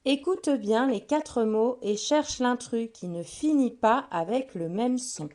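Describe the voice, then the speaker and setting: A woman giving a phonics lesson to a child, saying each word slowly and clearly and speaking to the listener directly. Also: on the high side, darkish tone. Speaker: teacher.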